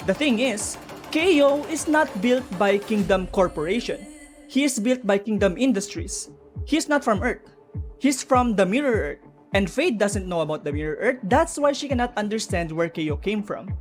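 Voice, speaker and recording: A woman narrator gives a casual, speculative explainer on game lore, speaking directly to her audience with music in the background. Her medium-pitched voice has lively intonation at a normal speed.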